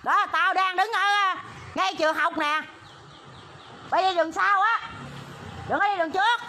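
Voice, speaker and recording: A woman's voice: very high voice, moderate pace, sharp tone, slight background noise. A middle-aged woman with a Southern Vietnamese accent from the Mekong Delta, pleading agitatedly in a livestream from a roadside near a school. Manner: agitated, pleading, repeats "there" to point things out. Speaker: protester livestreaming a land dispute. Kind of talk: impassioned livestream appeal. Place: outdoors by a road near a school.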